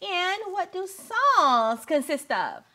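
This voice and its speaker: Woman acting cheery kids tv teacher, broad singsong, swoops around, high voice. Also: sing-song, slow pace, pushed and bright, exaggerated voice. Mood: upbeat, teaching. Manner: broad singsong kids' theatre delivery. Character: cheerful, encouraging woman poetry teacher, Miss Kim. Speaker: teacher, show's star. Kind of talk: scripted children's show acting. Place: indoor TV studio set, light music behind.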